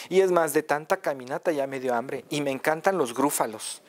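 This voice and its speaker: A tiny, clever mouse from a storybook, as a man puts him on, boastful and sly, with a raised, squeaky voice. He talks quickly and cockily. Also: lightly acted. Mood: smug.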